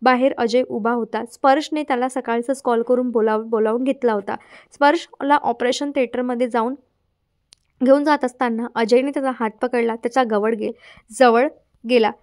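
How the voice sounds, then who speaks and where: High-voiced young woman narrating a story. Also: steady tone, moderate pace, darkish tone. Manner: emotional storytelling with slips and restarts. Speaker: audiobook narrator. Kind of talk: scripted narration.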